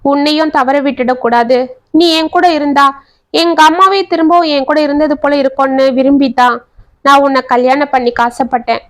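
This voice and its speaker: A woman's voice: high-pitched, fairly even intonation, a little fast, close to an everyday voice. A woman voicing a heartbroken young wealthy man pleading tenderly in a family storybook tale.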